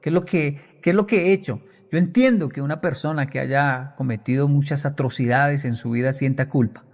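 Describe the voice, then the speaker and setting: A man's voice: medium pitch, fairly quick. A man giving a motivational talk on stage to an audience, emphatic and acting out the voices of the people he quotes. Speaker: motivational speaker.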